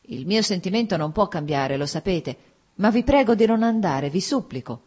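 A woman's voice: deep voice, lively intonation, normal speed, slightly rough. A woman reading an audiobook, voicing a troubled young male officer who questions and reproaches tensely.

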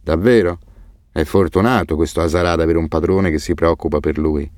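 A man voicing a suspicious old male market trader who asks probing, measured questions in an audiobook. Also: very deep voice, darkish tone, no echo, clean studio sound. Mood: wary. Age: older. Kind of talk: audiobook character voice.

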